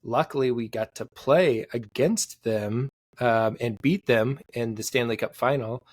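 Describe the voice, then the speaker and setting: A man co-hosting a sports podcast, rambling in casual chat with lots of fillers and sudden pitch jumps. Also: a little slow, no room sound, studio quality. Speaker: podcast co-host.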